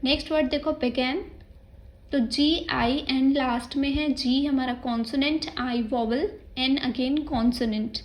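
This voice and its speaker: High-voiced Indian woman teaching grammar. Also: steady tone, a little slow, rough recording. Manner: explains step by step, spelling words letter by letter; mixes English terms into Hindi speech. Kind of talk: exam-prep grammar lesson.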